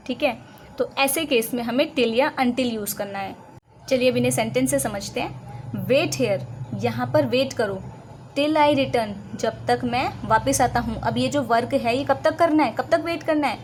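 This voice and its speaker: A woman with an Indian accent teaches English grammar, explaining in Hindi, reading English examples slowly and deliberately, and answering her own questions. Her voice is fairly high, with slight background noise in a low-quality recording.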